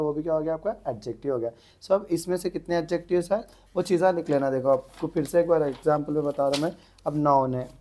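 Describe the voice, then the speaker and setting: A man's voice: fairly high pitch, mellow. A man teaching an exam-prep English grammar lesson, asking the class questions and answering them himself.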